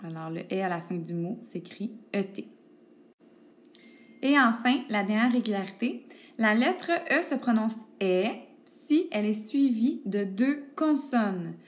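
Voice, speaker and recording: A woman's voice: mid-range voice, lively intonation, unhurried. Patient woman teaching phonics. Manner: patient, spells out letters and checks in with "Ok?". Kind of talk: recorded phonics lesson for young pupils. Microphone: tablet microphone.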